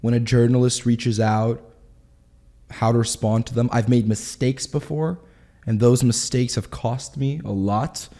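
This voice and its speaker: A man of twenty, telling his story in a candid interview in quick, animated bursts. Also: mid-range voice. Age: 20s. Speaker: guest.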